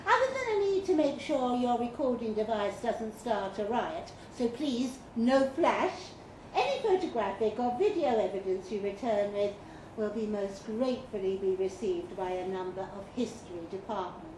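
This is a roomy, noisy live recording from a pub function room, where a woman reads a comic guidebook at a fiction event. Her delivery is dry and mock-official with playful emphasis, in an animated, slightly mellow voice that sits on the high side, at normal speed. Audience laughter and room noise can be heard.

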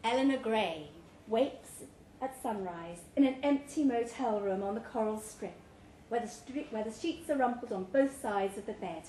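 At a moderate pace, a woman with a warm, slightly high voice reads a short story at a live event, bringing its dialogue to life expressively. The indoor pub event room comes through in a roomy live recording with background noise.

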